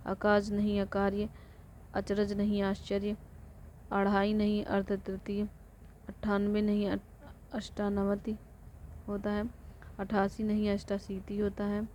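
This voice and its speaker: Woman teacher, monotone rote recitation, dull lo-fi audio, faint hiss. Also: medium pitch, unhurried, pauses often. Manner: flat rote recitation, corrects herself. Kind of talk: reciting exam vocabulary lists. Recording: dull lo-fi recording with faint noise.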